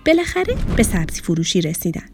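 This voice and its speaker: A woman's voice: fairly low pitch, sing-song, gravelly, background noise. A woman narrating a storybook for children and speaking affectionately to young listeners. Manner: warm, affectionate sign-off to kids. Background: music.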